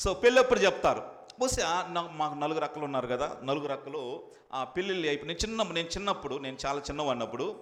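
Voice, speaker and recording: A man's voice: on the high side, animated, fast, big-room sound. A man preaching as pastor at a Sunday worship service, emphatic and repetitive, putting questions to his congregation. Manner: emphatic preaching with repeated phrases and swings in loudness; asks the congregation questions and addresses them directly.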